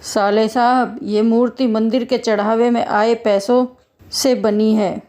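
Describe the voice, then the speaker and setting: A woman's voice: on the high side, fairly even intonation, takes it slowly, darkish tone. A woman voicing a proud village headman who talks in a brusque, commanding way.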